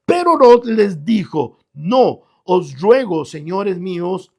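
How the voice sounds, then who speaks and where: Male pastor, high gravelly voice, emphatic radio sermon. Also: big pitch swings, takes it slowly, darkish tone. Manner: preaching with rising emphatic bursts.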